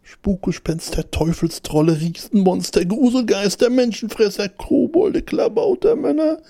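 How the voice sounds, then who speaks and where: A man's voice: expressive, measured pace, gravelly, dark tone, heavily acted. A man reading a storybook, voicing a small, frightened male hare who insists on what he wishes were true. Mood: anxious denial. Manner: high anxious self-reassuring squeaks.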